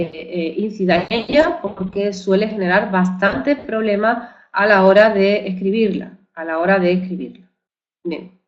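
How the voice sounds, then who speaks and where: A middle-aged woman explains a spelling rule with great patience, repeating each example word. She speaks very slowly and deliberately. The recording sounds dull and lo-fi. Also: mid-range voice, darkish tone. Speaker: teacher. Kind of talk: spelling lesson for exam prep.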